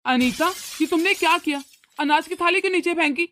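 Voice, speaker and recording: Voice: extremely high pitch, brisk, pushed and bright, slight background noise. A voice actor playing a weary, peacemaking older father-in-law in a cartoon, pleading with his wife. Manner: pleading, soothing. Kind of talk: cartoon voice acting.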